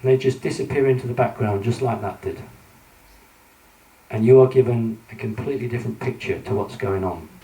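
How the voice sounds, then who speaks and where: Man, conference speaker, mellow tone, hesitant fillers, recorded from a distance in an echoey hall. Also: mid-range voice, fairly quick. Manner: earnest, hesitant with frequent fillers. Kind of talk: conference lecture with slides.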